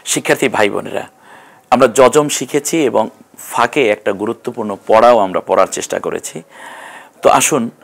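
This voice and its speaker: A man teaching a televised Quran reading class, patiently explaining and slowly sounding out each syllable. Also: fairly low pitch, gravelly. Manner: slow, drawn-out syllable-by-syllable sounding out. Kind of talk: TV classroom lesson.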